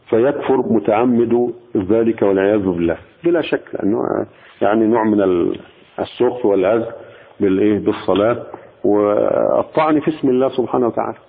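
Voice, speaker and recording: Egyptian sheikh on a tinny, echoing recording. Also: male voice, mid-range voice, slightly rough. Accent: Egyptian Arabic. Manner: explains patiently, slowly demonstrating pronunciations. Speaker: sheikh teaching jurisprudence. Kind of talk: recorded religious lesson. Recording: tinny phone-like sound with long reverb.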